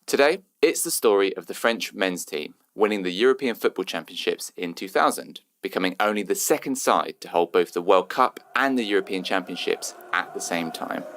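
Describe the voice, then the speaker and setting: A man presenting and narrating a scripted radio sports history, crisp delivery. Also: low voice, lively intonation, moderate pace, hardly any pauses, a bit bright, no echo.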